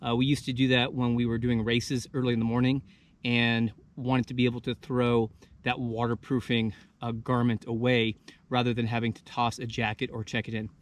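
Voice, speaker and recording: This noisy outdoor clip features a thirty-something man casually addressing his channel's viewers in freestyle vlog fashion. He speaks at a moderate pace in a medium pitch that barely moves.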